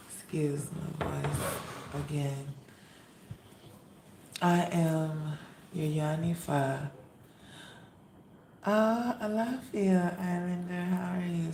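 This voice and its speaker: A hoarse woman who has lost her voice, hosting a casual live stream as a spiritual reader and greeting viewers by name with sweet endearments. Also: deep voice, mellow, echoey room, a little hiss or hum.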